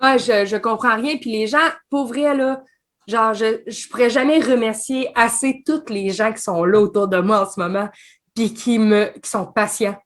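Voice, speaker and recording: Québécois woman chatting in an interview, kinda high voice, animated, laughs a lot. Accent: Québécois French. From Quebec. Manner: animated, laughing often, quick colloquial talk. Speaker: guest, escape game designer. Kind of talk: casual storytelling interview.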